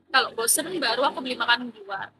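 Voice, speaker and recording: A young adult woman from East Java, a university student and vlogger, chats animatedly about student life with an East Javanese Indonesian accent. Her voice is a little high and she talks fast, with noise in the background.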